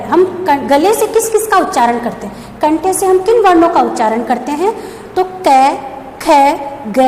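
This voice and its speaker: Female teacher, high voice, reverberant room; poses questions and answers them, spells letters slowly. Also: a little mellow. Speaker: school teacher. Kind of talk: classroom grammar lesson. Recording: echoey room with faint background hum.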